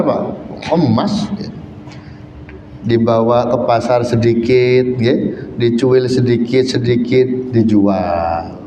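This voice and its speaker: A man's voice: medium pitch, dark tone. A man preaching a sermon in a mosque, telling a story and often addressing the congregation. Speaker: Islamic preacher. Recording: echoey hall, dull lo-fi sound, faint noise.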